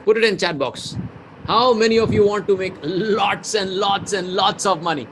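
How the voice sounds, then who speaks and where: Speaking at a normal speed in a high voice, an Indian-accented business mentor from India runs a live webinar, energetically posing rhetorical questions, reading chat responses aloud, and slipping into Hindi. The recording has a slight hiss or hum.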